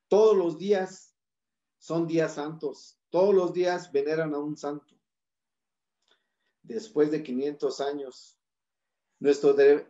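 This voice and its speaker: A man's voice: a little high, warm tone, highs cut off. A man giving an impassioned public talk with a Mexican Spanish accent, building his points through rhythmic repeated lists. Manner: rhetorical, listing in rhythmic repetitions. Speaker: speaker at a community forum.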